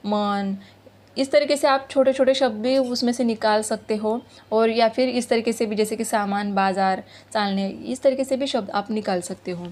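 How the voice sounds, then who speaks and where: Woman teacher, slightly high voice. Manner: explains patiently, reads words aloud and asks questions of the class. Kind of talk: explaining a school lesson to children.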